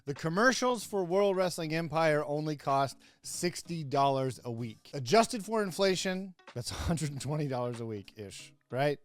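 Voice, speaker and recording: A man's voice: on the high side, lively intonation, normal speed, few pauses, no room sound, soft background music. A man hosting a comedic review of an old wrestling show, sarcastic, with laughing asides and mock outrage. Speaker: host, wrestling commentator.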